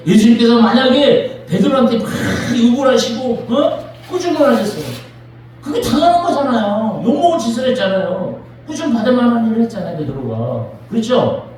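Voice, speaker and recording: A pastor preaching in a lively, sing-song voice that leaps up and down, high for a man, with a mellow tone. The sermon echoes heavily through the church, picked up from afar with faint room noise. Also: fairly quick. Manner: animated, dramatic storytelling. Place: church sanctuary. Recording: echoey church from a distant mic.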